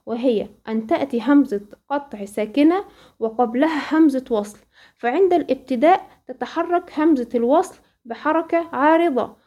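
A woman with an Egyptian accent teaching a Quran recitation lesson, asking questions and then answering them, and slowly reciting the examples. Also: high-pitched, dark tone, lo-fi sound. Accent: Egyptian Arabic. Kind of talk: tajweed lesson.

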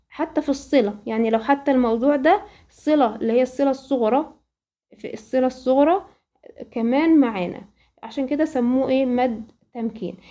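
High-voiced Egyptian woman teaching recitation. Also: warm tone. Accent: Egyptian Arabic. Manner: asks questions then answers them, recites examples slowly. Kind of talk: tajweed lesson.

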